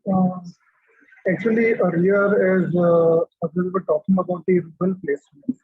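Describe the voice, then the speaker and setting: A man's voice: sits high, level tone, normal speed, slightly rough, dry recording, narrow, tinny audio. A young man, a medical student, speaking hesitantly with many fillers on a video call whose audio breaks up. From India. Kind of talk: online meeting discussion.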